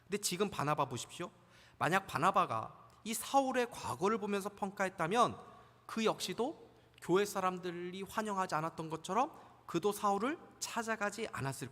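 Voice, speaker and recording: A man preaching from the pulpit, his voice high and bright, with a long church reverb trailing each phrase. He asks the congregation questions and then answers them himself, moving between formal preaching and easy, conversational asides. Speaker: senior pastor. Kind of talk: sermon. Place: church sanctuary.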